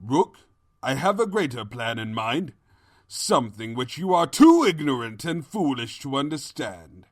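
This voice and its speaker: A man's voice: mid-range voice, sing-song, unhurried, no room sound, clean studio sound. A swooping, pompous evil cartoon king, Sombra. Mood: smug, scheming. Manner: theatrical, grandiose delivery. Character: pompous, scheming, cowardly evil pony king, melodramatically fake-grieving.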